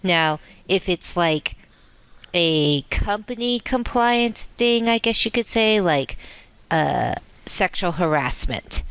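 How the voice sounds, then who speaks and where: Female co-host, low, clear voice, slow and hesitant in casual chat. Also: expressive, fairly bright tone, muffled recording. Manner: unhurried, hesitant, filler-heavy. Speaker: podcast co-host.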